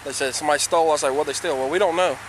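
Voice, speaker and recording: A man's voice: fairly high pitch, racing, a bit bright. A man working as a police officer, chatting casually on a noisy outdoor bodycam recording. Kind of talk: casual chat.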